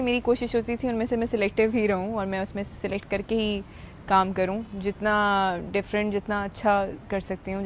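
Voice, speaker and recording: A woman's voice: medium pitch, a little hiss or hum. A woman actress in an interview, telling stories in a chatty way and slipping into English phrases. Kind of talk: casual interview talk.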